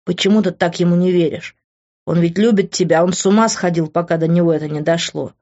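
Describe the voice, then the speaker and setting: A woman's voice: on the low side, steady tone, fast, darkish tone, lo-fi sound, natural voice. A woman voicing a concerned young man, the heroine's friend, in a dry, earnest tone.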